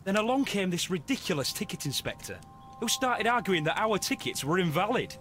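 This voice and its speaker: A man's voice: high voice, big pitch swings, brisk, a bit bright, soft background music. An actor playing an indignant male train passenger who complains in a huffy tone in a video game.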